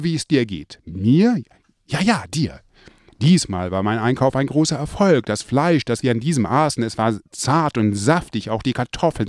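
A man reading a first-person story aloud, with an expressive delivery and now and then a hesitant filler. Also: mid-range voice, dry recording, studio quality. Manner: expressive reading, lifts voice for quoted speech.

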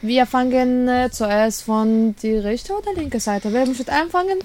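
Slow, halting female studio host. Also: on the high side, a little mellow, slight background noise. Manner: halting, searching for words. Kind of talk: studio interview. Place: radio studio.

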